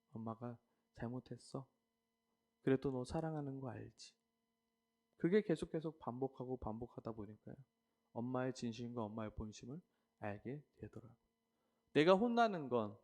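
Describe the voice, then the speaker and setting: Earnest male preacher. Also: medium pitch. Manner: earnest, swelling in emphasis then softening. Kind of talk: devotional sermon.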